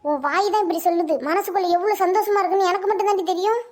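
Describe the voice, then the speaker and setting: A woman's voice: very high-pitched, fairly even intonation, racing, a little mellow. A woman voicing an angry, bitter aging mother in a cartoon, scolding and accusing. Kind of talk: Tamil cartoon voice acting.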